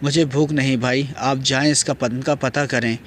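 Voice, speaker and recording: A man's voice: mid-range voice, steady tone, a bit bright, slight background noise, lightly acted. A man voicing an anxious young wife in an audio novel, speaking in a worried, pleading way. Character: anxious young bride waiting for husband.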